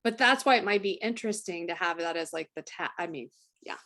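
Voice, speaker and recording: A woman's voice: lowish voice, a little fast, fairly bright tone. A woman chatting as a guest over a video call, chatty and playful. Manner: chatty and playful, often laughing.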